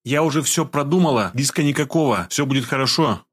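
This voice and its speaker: A composed young heroine with a raised, lighter pitch, as a male audiobook narrator puts her on. She speaks in steady, firm commands and stays calm under pressure, storybook narration style. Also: a little fast, breathy edge. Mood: firm, commanding.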